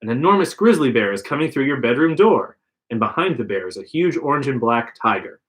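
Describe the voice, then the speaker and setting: A man with a mid-range, slightly bright voice reads an interactive gamebook fairly quickly and very animatedly on a livestream podcast mic. He handles the narration plainly and performs voices for the dialogue.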